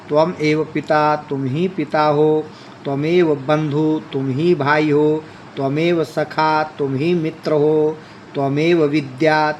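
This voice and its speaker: A man's voice: fairly high pitch, a little hiss or hum. A man teaching a Sanskrit lesson, reading lines aloud and then explaining them. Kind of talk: classroom explanation.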